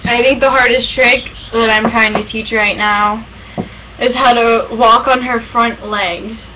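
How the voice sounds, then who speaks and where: Fairly high-voiced woman, noisy home recording. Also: steady tone, measured pace. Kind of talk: casual rambling vlog chat. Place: at home at a computer, with a dog nearby.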